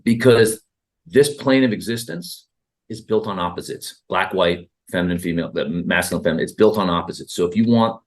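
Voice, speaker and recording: A man's voice: low voice, a little fast. A man who works as a therapist and author, talking animatedly in an interview and acting out his sessions with clients. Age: 30s. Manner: animated, acts out dialogue with clients. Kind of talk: interview conversation.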